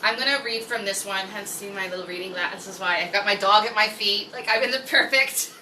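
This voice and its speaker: This host of a chatty livestream story time is from the United States and speaks English as her first language, reading aloud between rambling, jokey asides. She talks a little fast in a bright, forceful mid-range voice. A distant mic picks her up with faint noise and a roomy echo.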